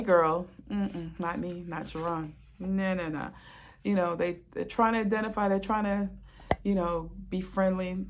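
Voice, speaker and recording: A middle-aged woman speaks with a low, husky, gravelly voice. She is a retired police officer sharing her stories in a relaxed, conversational monologue. She often repeats a phrase to drive it home. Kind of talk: casual storytelling monologue.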